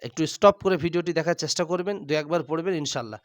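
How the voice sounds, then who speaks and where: High-voiced man teaching Quran reading. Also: no room sound, clean studio sound. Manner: drills letters aloud and repeats each word slowly. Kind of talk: step-by-step recitation lesson.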